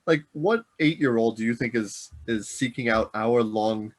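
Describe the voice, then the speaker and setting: A man's voice: mid-range voice, unhurried. A middle-aged man co-hosting a board game podcast in casual, rambling chat, often correcting himself as he talks. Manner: rambling, self-correcting, chuckling. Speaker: podcast co-host.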